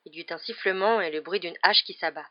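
Lady narrating an audiobook, steady and low, kinda muffled audio. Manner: steady, measured reading.

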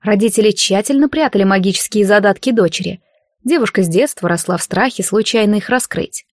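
A woman's voice: mid-range voice, fairly quick, no echo. Woman narrating an audiobook, dry sound. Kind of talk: scripted narration.

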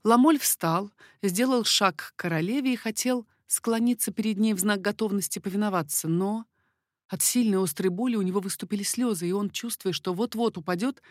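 A woman narrating a historical novel as an audiobook, with even, expressive storytelling. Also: mid-range voice, normal speed, no room sound, studio quality.

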